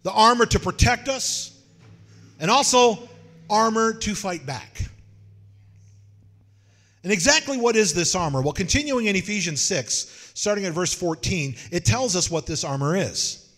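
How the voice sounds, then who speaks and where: Joking preacher man, slightly high voice, lively storytelling sermon. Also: unhurried, long pauses, in a large hall. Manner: folksy, joking, animated storytelling. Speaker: pastor.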